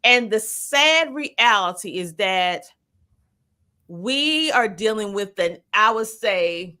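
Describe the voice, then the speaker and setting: A woman hosting an interview show, with a bright, crisp voice. She asks her questions directly and earnestly, steering the talk to a new topic. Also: medium pitch, lively intonation, slow pace. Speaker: host.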